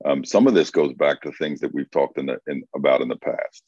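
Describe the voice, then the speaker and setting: A man's voice: very deep voice, brisk, darkish tone, dry recording. A man, co-hosting a casual advice talk for writers, thoughtful and prone to restarting his sentences. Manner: thoughtful, restarts and repeats words. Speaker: co-host, coach for writers. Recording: dry, dull lo-fi sound.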